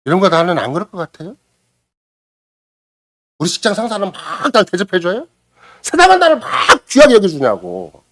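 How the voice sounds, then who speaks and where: A middle-aged man preaching a Sunday morning sermon, dramatically acting out quotes and swinging between loud exclamation and hushed near-whisper. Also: high voice, huge pitch swings, brisk, long pauses, no echo. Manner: acts out quoted voices and prayers dramatically. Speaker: pastor. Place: church sanctuary.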